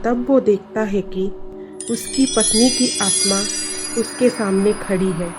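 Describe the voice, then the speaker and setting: Woman narrator, slow, steady dramatic telling, music bed. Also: mid-range voice. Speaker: storyteller. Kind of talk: scripted story narration.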